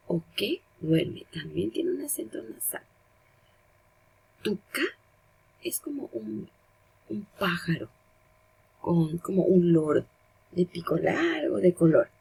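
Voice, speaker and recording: Woman teacher, patient and step-by-step, with a gravelly, raspy low voice. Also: mellow, low-quality recording. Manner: patient, explains step by step and repeats example words. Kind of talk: recorded language lesson.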